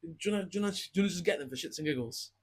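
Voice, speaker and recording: A young man co-hosting a casual podcast at home, ranting excitably and swearing constantly into a cheap mic. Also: on the high side, racing, breathy edge. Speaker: podcast co-host. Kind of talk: casual chat. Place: home room with garden furniture. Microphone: cheap budget mic.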